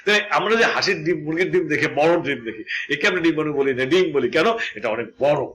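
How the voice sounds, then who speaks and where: A man teaches a biology class in a fairly high voice. His pitch rises and falls a lot as he works through each point, asks questions and answers them, and spells out terms one letter at a time. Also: expressive, fairly quick, a bit bright. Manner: explains step by step, asking and answering his own questions. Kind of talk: classroom lecture.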